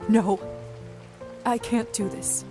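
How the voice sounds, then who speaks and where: An actress playing a hesitant, earnest newly turned female vampire in a video game, soft-spoken and tentative. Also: mid-range voice, fairly even intonation, slow, over music, natural voice. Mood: hesitant, subdued. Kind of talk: scripted game dialogue.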